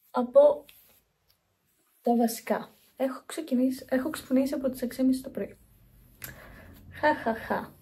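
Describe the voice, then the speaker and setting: Phone held out at arm's length, a young woman chats to her viewers in a rambling casual vlog. Her voice sits high and sounds a little mellow.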